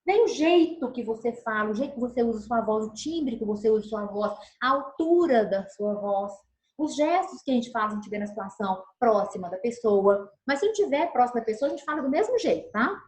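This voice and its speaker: Lively woman teaching on video. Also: on the high side, fairly quick, reverberant, poor audio. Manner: animated, gestures while explaining; acts out tones of voice as examples. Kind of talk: recorded video lesson. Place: room, recording alone.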